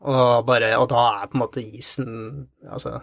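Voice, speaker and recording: A man telling a story in an interview, halting and repeating words with many fillers. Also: medium pitch, steady tone, no echo. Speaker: interview guest. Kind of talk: conversational storytelling.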